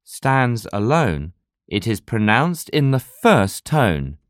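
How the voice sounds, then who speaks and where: Slow, sing-song language lesson narrator. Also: medium pitch, big pitch swings, no echo, studio quality. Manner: slow, measured, very varied intonation. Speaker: language teacher. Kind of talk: scripted instructional narration.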